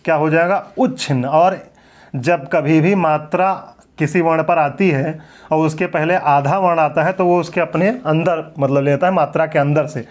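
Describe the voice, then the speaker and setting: A man teaching a Hindi grammar lesson, his voice a bit higher than most. He keeps asking a question and then answering it himself, drawing out the words as he repeats them. The recording sounds dull and lo-fi. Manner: drawn-out repetition of words. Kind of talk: classroom lecture.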